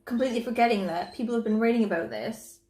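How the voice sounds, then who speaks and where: A woman's voice: fairly high pitch, fast talker, dark tone, reverberant. An American woman chatting casually about books in very informal speech peppered with filler words. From United States. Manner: informal, frequent "like" and "you know". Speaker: book vlogger.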